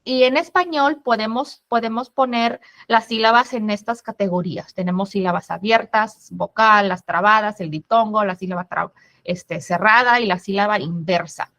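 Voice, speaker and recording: A woman and former teacher giving an online presentation to parents, explaining patiently and sounding out syllables slowly. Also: medium pitch, a bit bright.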